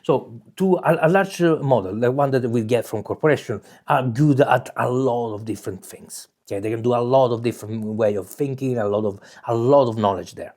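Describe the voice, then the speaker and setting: An Italian man with an Italian accent hosts his own channel, talking through ideas in a loose, casual explanatory monologue. His mid-range voice is a little mellow and a little fast, with hardly any pauses, and he restarts phrases and keeps checking in with "okay?".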